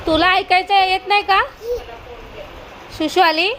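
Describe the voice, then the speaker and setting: A woman's voice: very high voice, fairly even intonation, a little slow, fairly bright tone, a little hiss or hum, low-quality recording. A young woman scolding her toddler at home, stern and firm, asking the same question over and over. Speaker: mother.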